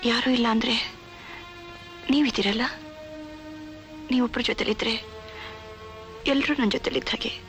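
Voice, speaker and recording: An actress playing a young bride torn from her family, speaking softly and pleading through tears. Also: fairly high pitch, fairly even intonation, moderate pace, pauses often. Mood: tearful. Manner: soft, tearful, pleading. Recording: film soundtrack with music under. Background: film score music.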